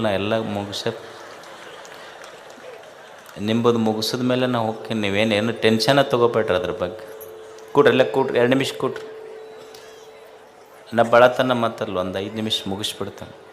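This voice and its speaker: A man's voice: on the low side, a little hiss or hum. A man with a North Karnataka accent preaching a sermon to a gathering, repeating phrases and asking rhetorical questions that build to emphatic peaks. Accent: North Karnataka Kannada. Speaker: spiritual speaker. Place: public gathering.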